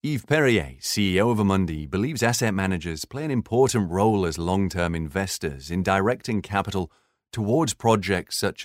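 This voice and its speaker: Man, deep voice, scripted corporate narrator, measured and formal, close dry recording. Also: no echo.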